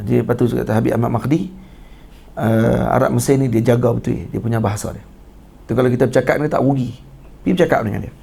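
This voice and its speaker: A man's voice: medium pitch, gravelly, warm tone, husky. A man with a Malaysian Malay accent giving a casual religious class, chatty and checking that listeners follow. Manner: chatty, asks listeners for agreement; mimics Arabic speakers' phrases. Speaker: religious teacher.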